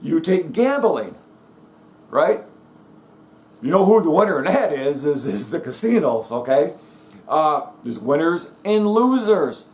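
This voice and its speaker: A man's voice: a little high, sing-song, measured pace, pauses often, darkish tone. Blunt middle-aged man ranting. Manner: blunt, emphatic, repeats "okay?" and "guess what?". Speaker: vlogger. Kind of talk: ranting monologue.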